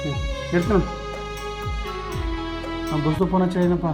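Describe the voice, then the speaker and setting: A man with a North Karnataka Kannada accent acting in a comic sketch, talking in a fast, panicky way. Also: sits high, little pitch movement, music in the background. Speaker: comedian.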